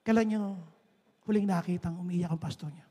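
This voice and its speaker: High-voiced pastor preaching. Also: male voice, normal speed, dark tone. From Philippines. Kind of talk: sermon. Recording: husky voice with long church-hall reverb.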